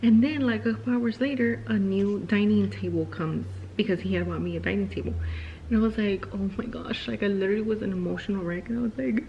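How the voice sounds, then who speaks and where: A woman's voice: mid-range voice, fast. A young woman vlogger chatting casually, telling a personal story with lots of "like" and acted-out quotes. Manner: chatty, heavy use of "like", acts out quotes. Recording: slightly dull, faint background noise.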